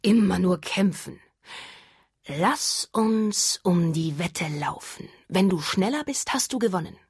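A woman voicing a grumpy male dragon, tired of fighting, who speaks slowly and drawn out. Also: lowish voice, lively intonation, a little mellow, husky, no echo, clean studio sound, exaggerated voice. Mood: fed up.

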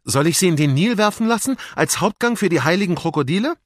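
Storybook henchman: a fawning scarred captain, done by a man, pitched high and strained. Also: animated, fast talker, no room sound, studio quality. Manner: eager, fawning. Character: scarred, servile male soldier captain.

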